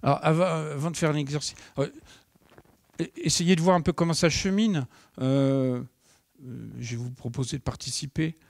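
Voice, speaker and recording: A middle-aged man teaches at a conference in a fairly high voice, recorded close and dry. He keeps it lively, acting out little exchanges and turning to the room with questions. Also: moderate pace, creaky, no echo. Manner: lively, acts out dialogue, asks the audience questions. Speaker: nonviolent communication trainer. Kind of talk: live conference talk to an audience.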